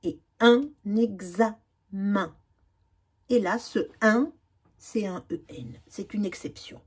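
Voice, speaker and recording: A woman's voice: medium pitch, takes it slowly, slightly rough. A woman teaching a children's spelling lesson, spelling out letters and drawing words out carefully.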